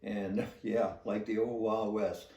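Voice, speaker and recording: An older man, a former police officer, telling a story in a halting, plainspoken way. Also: on the low side, level tone, warm tone. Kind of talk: casual spoken storytelling. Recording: roomy echo, distant from the mic.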